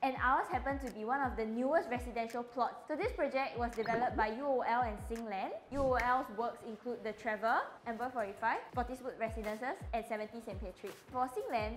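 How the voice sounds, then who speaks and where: A woman's voice: on the high side, brisk, few pauses. A young Singaporean woman presenting a scripted property home tour to camera. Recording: light music bed behind voice.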